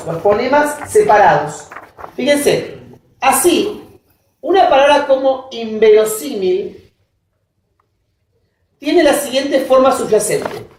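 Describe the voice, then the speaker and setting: Slow-talking woman lecturing a class, keeps asking students questions, recorded from far back in an echoey room. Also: on the high side, darkish tone. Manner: keeps checking understanding with quick questions to students. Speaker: linguistics lecturer. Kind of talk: university lecture. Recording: roomy classroom audio from a distance.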